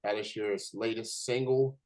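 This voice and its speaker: A man with an American accent hosting a casual interview in a halting way, often repeating his words. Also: lowish voice, fairly even intonation, darkish tone. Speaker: interviewer, host.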